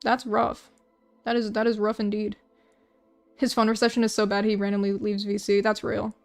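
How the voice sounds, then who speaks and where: A woman's voice: medium pitch, flat delivery, moderate pace, soft background music. A young woman streaming while she draws, chatting casually with viewers in a rambling, self-deprecating way, full of restarts. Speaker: art streamer. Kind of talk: casual livestream chat while drawing.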